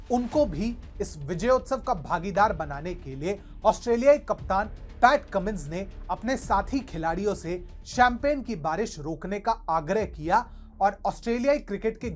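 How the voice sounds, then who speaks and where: A woman reading scripted commentary narration in an emphatic, rhetorical way. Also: medium pitch. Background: faint background music.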